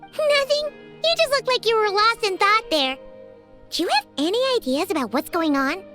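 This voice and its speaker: Tiny, very squeaky game companion. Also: female voice, expressive, normal speed, sharp tone, faint music behind, heavily acted. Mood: curious. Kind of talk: video game voice acting.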